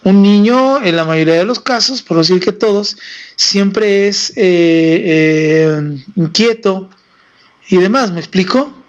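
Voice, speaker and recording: A man's voice: sits high, takes it slowly, highs cut off. A man preaching on a live stream about faith, asking the audience rhetorical questions, with a Mexican Spanish accent.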